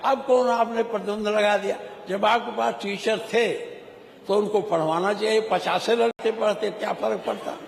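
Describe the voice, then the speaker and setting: A man's voice: high voice, steady tone, moderate pace, creaky. A middle-aged man giving a rhetorical floor speech as a legislator, scolding and teasing the ministers. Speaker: legislator speaking in the state assembly. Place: large legislative chamber. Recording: echoey hall broadcast audio.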